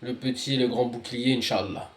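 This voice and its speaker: A man's voice: medium pitch, steady tone, brisk, reverberant, a little hiss or hum. Man murmuring scripture, then reciting aloud. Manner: muttering asides, rising to loud recitation. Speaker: religious reader. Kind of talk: reading and commenting on scripture.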